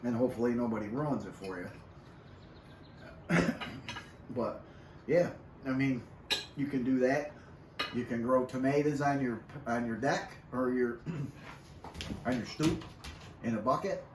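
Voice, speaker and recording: A man's voice: mid-range voice, measured pace, pauses often, recorded from a distance. A middle-aged man gives folksy, easygoing advice in a casual chat over dinner. He sits away from the mic in an echoey room, and a faint hiss runs under his voice. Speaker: homestead channel co-host. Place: home dining room.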